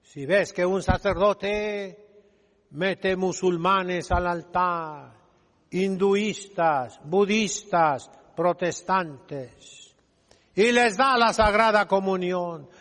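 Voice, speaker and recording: A priest delivers an emphatic, instructive sermon, putting rhetorical questions to his listeners. His voice is somewhat high and a bit bright, and he speaks slowly, with the long echo of a large hall trailing behind him.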